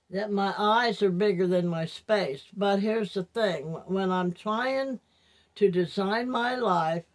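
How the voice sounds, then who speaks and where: Older lady vlogging casually, talks real slow n rambly, no teeth in so words slur a bit. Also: medium pitch. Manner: rambling, reflective, halting. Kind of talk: casual personal monologue to viewers.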